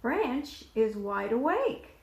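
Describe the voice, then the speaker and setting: Reading to little ones at a very slow, careful pace, this volunteer storyteller has a fairly high, creaky voice with a darkish tone. She's highly animated, her voice rising and falling expressively, and she stops to point at pictures and ask questions. It's a preschool picture-book session in an echoey room.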